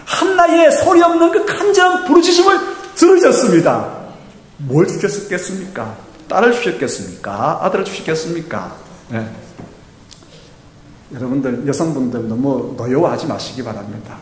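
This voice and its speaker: Man, pastor preaching, high lively voice, long church reverb. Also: fairly quick, a little hiss or hum. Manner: emphatic preaching, acts out quoted speech. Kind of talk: sermon. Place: church sanctuary. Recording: echoey church hall.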